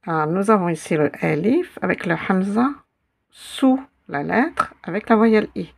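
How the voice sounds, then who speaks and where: A woman teaching an Arabic reading lesson in French, patiently repeating each syllable and word slowly for learners. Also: medium pitch, expressive, gravelly, husky. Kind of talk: slow spelled-out reading lesson.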